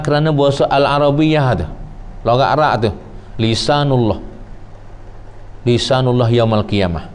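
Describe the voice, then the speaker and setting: A man with a mid-range voice teaches a traditional religious lesson. He explains slowly, repeats phrases, and quotes Arabic before glossing it.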